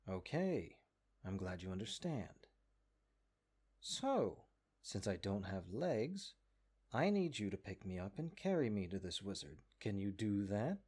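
In a comedic audio roleplay, a man voices a cursed grimoire, a sentient magic book that is haughty, exasperated, condescending, and sarcastic. His voice is fairly low, darkish in tone, and slightly rough.

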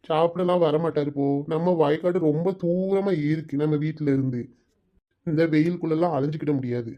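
A man voicing an easygoing elderly village grandfather with a southern Tamil Nadu accent, slow and homely. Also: on the high side, fairly even intonation, dark tone, natural voice.

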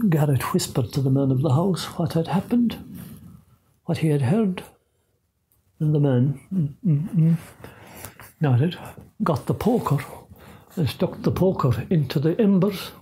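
A man in his sixties with a rural western Irish accent tells folklore in a lilting, dramatic way, with deliberate pauses and repetitions. His voice is husky. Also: a little high, warm tone, a little hiss or hum, rough recording. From Ireland. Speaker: storyteller of folklore. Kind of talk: traditional oral storytelling. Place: small living room, seated in armchair.

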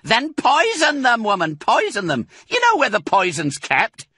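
A man voicing a sharp, impatient and bossy farmer's wife. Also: extremely high pitch, huge pitch swings, a little slow, breathy edge, no room sound, clean studio sound, voice pushed up, full character voice.

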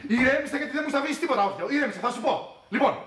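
A man's voice: extremely high pitch, expressive, reverberant, background noise. A blustering, defensive man. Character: rough, blustering middle-aged man caught out.

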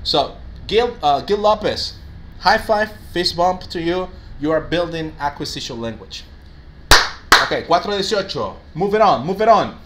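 Upbeat bilingual teacher, quick praise for students, faint noise behind. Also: male voice, a little high. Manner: lively, mixes Spanish and English, praises students often. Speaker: English teacher for call center agents. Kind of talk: live online class, reading out student answers.

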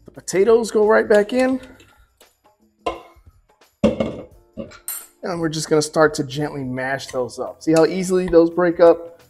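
A man's voice: fairly high pitch, slow, pauses often, a little mellow, faint music behind. Chatty man hosting a home cooking demo. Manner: easygoing, chatty, tosses in asides and "right?". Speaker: cooking show host. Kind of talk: relaxed cooking demonstration. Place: home kitchen, indoors.

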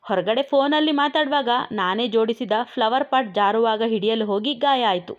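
A woman's voice: on the high side, moderate pace, natural voice. A woman voicing a brash, teasing young man in a romantic audio story, mocking and bantering. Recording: dull lo-fi recording.

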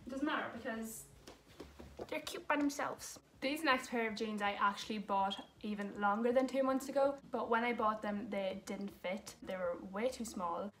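A woman's voice: on the high side, moderate pace, a bit bright, far from the mic. A young woman chatting casually through a clothing try-on haul, full of "like" fillers. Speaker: fashion vlogger. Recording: roomy echo, voice away from mic, faint noise.

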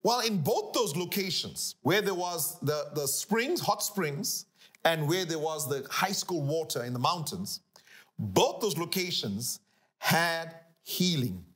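A middle-aged man, a pastor, teaching scripture on a talk show in an animated, emphatic way, repeating key phrases. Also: on the high side, slow. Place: living-room studio set, indoors.

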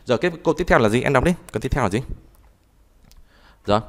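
A man teaching a live online language class, talking haltingly and repeating words as he types and explains. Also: mid-range voice, animated. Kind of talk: live online tutoring session.

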